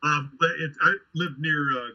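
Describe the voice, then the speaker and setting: Midwestern male co-host, husky storyteller, dull lo-fi recording. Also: a little high, steady tone, moderate pace, sharp tone. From Ohio, US. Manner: storytelling with many fillers and restarts, laughing. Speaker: podcast co-host. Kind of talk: casual chat. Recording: dull lo-fi sound.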